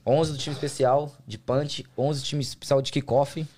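A man's voice: medium pitch, steady tone, normal speed, a little mellow, a little hiss or hum. A man with a Brazilian Portuguese accent, explaining American football in slangy, casual interview talk as a player and guest. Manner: slangy, colloquial, explains with examples.

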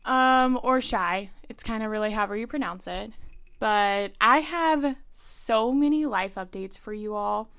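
A woman's voice: on the high side, measured pace, a bit bright. A young woman hosting her own podcast in casual chat, bubbly and chatty, a little out of breath. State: slightly out of breath. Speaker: podcast host.

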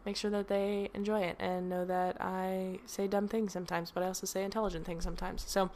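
Casually rambling on her home-recorded podcast, a young woman fills her talk with fillers and self-deprecating remarks, moving on and off the mic. She speaks fairly quickly in a medium-pitched, flat, slightly mellow voice.

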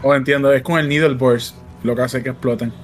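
A man's voice: medium pitch, fairly even intonation, brisk, soft background music. A man with a Puerto Rican accent giving reassuring, casual advice to his teammates during a video game. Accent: Puerto Rican Spanish. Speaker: player advising teammates. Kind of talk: casual gameplay chat.

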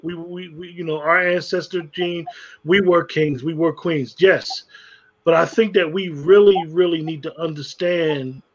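A man with a high, husky voice talks emphatically in a casual conversation. He stacks repeated words as he pushes his point. The recording sounds dull and lo-fi. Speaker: podcast co-host.

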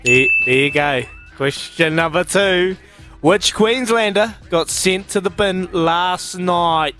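A man hosting a radio phone-in quiz with excitable, matey, slangy banter. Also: high-pitched, slow pace, soft background music. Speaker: breakfast radio quiz host. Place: radio studio.

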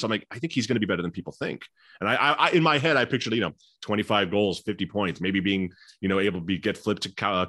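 Fast-talking low-voiced man, dry sound. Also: no echo. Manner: rapid, animated storytelling with quoted voices. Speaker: hockey beat reporter and podcast co-host. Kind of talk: casual sports chat.

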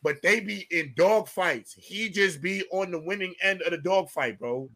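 Loud opinionated man, bright forceful voice. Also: high voice, moderate pace. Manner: loud opinionated ribbing, insistent, slangy. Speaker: sports talk show host. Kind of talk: casual heated sports debate.

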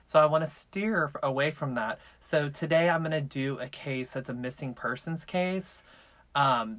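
A podcast host chatting casually with campy, sassy, profane slang, recorded inside a small closet full of clothes. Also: mid-range voice. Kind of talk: casual chat and true-crime storytelling.

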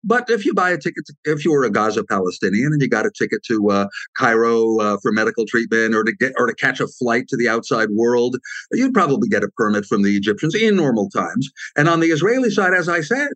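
Male expert guest, mid-pitched, measured and explanatory, dry close mic. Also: sing-song, a bit bright, no room sound, poor audio. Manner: measured, explanatory, with frequent asides. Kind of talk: explanatory interview answer.

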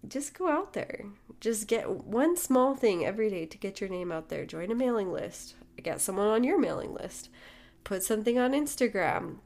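A woman's voice: on the high side, darkish tone. A young adult woman hosting a casual solo podcast, upbeat and encouraging with frequent laughs, her voice slightly nasal from a recent cold. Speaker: podcast host and small business owner.

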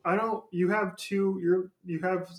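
A woman's voice: fairly low pitch, fairly even intonation, measured pace, reverberant. A woman chatting casually, recalling a moment from the show. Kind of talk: casual chat.

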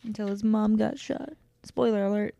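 Young woman, casual teasing podcast chat, voice still recovering, middle pitch, dry close mic. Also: normal speed, gravelly, no room sound. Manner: relaxed, teasing, laughs often. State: recovering from voice loss, sounds deeper. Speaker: podcast co-host, dog obedience trainer.

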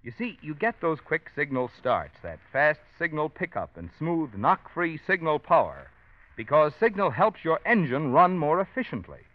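A man reading a sponsor announcement on a 1940s radio show in a smooth, confident, salesman-like way. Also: fairly high pitch, very animated, normal speed, dry recording. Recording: dry, dull old radio broadcast.

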